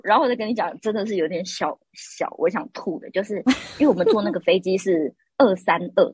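A young woman from southern Taiwan with a Taiwanese Mandarin accent, telling a story in casual podcast chat and acting out the people in it with big jumps in pitch. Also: fast, husky, no echo, poor audio. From Kaohsiung, southern Taiwan. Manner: animated, acts out quoted voices with big pitch jumps. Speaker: guest storyteller.

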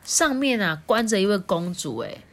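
A woman reading a picture book aloud for children, playful and quick to laugh. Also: mid-range voice. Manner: playful, laughing, lively voice changes. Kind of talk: animated children's story reading.

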